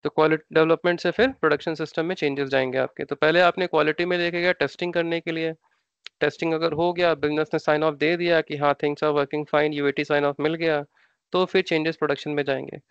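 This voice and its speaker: A man's voice: fairly high pitch, level tone, brisk, clean tone, dry recording, highs cut off. A man with an Indian accent, an instructor explaining ideas step by step in a live online class, repeating terms and asking rhetorical questions. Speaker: SAP training instructor.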